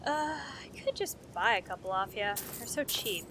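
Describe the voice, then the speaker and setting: A woman's voice: mid-range voice, animated, normal speed, noisy background. A young woman doing let's play commentary, sarcastic and joking, reading game text aloud and swearing now and then. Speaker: gameplay streamer.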